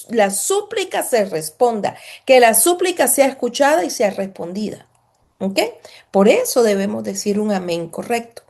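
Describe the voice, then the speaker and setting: A woman's voice: a little high, a little mellow. A woman giving a religious lesson, explaining patiently, repeating phrases and often checking in with the listener. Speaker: religious teacher.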